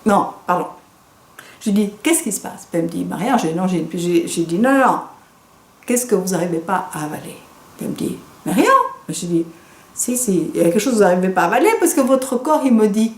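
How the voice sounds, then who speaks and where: A woman doctor with a French accent, teaching a course, who tells a patient case in a lively way and acts out the dialogue. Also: mid-range voice, brisk. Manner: lively, animated storytelling with quoted dialogue. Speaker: doctor and trainer. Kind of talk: storytelling lecture. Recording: echoey room.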